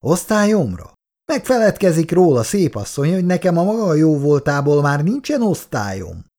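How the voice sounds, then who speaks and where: A man's voice: a little high, big pitch swings, mellow, voice pushed up. A man doing a sneering, smug office clerk. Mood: mocking. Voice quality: mocking, smug.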